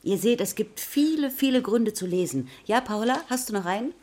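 Here the same husky-voiced woman plays the kind, encouraging primary teacher of a German kids' radio drama, quizzing and guiding her pupils. Her pitch runs a bit high, and she talks expressively, slightly quickly, with a faintly mellow tone.

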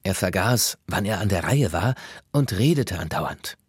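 A man reading aloud from a children's book in an expressive storytelling way. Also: deep voice, unhurried, breathy edge, no room sound, studio quality. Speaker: story reader.

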